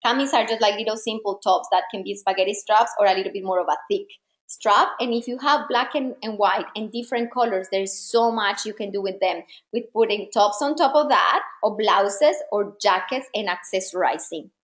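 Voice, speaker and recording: In a live online masterclass, a female style coach speaks to women in an encouraging, direct way, English being her second language. Her voice sits at a medium pitch and moves at a moderate pace, and the sound is roomy.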